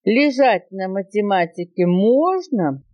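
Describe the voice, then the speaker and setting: A woman voicing a slow, thoughtful male boa snake in a storybook reading, speaking in a ponderous, pensive way. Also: medium pitch, expressive, highs cut off.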